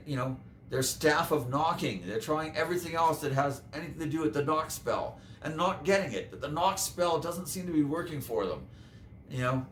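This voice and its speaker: A man's voice: mid-range voice, a bit bright. A man giving casual advice as a tabletop game master, rambling and chatty with lots of fillers. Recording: echoey room with faint noise.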